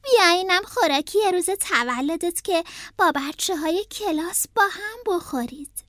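A fussing, caring storybook mother with a raised, urgent voice, coaxing her little one, played by a woman reading aloud. She sounds high and a touch whiny. The sound is dry and close. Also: animated, fairly bright tone, no room sound.

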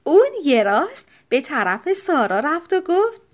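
A woman reads a children's storybook aloud, her fairly high voice rising and falling in lively swings. The telling is expressive and animated, made for young listeners. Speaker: audiobook narrator.

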